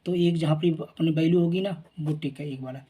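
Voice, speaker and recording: A man's voice: fairly high pitch, steady tone, a little fast, warm tone, breathy edge. A man teaching a math lesson, working through examples step by step, asking questions and answering them himself, with frequent check-ins. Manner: repeats "theek hai na", asks and answers his own questions. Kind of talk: explaining at a board.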